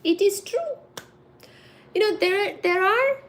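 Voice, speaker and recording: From a room at home lined with cat shelves, a very high-pitched Indian woman in her thirties hangs out with her livestream audience. She giggles often and gets excited fast while reading through the chat casually.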